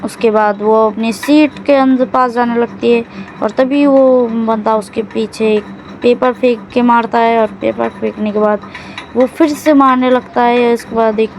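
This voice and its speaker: A woman's voice: fairly high pitch, fairly even intonation, unhurried, a little mellow, slight background noise, low-quality recording. Rambling woman retelling a drama plot. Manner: rambling, self-correcting, loose storytelling. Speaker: drama recap narrator. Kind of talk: casual Hindi plot recap.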